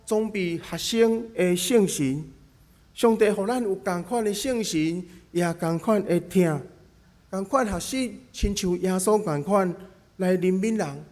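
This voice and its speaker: A man's voice: sits high, slow pace, darkish tone. A man with a Taiwanese Hokkien accent delivering a sermon in an explanatory way, posing rhetorical questions as he teaches. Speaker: preacher.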